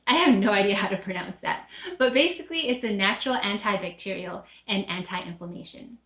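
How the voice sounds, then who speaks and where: A woman's voice: mid-range voice, a little fast, fairly bright tone. A woman presenting a product in an upbeat, chatty demo, with the odd filler. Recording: echoey room.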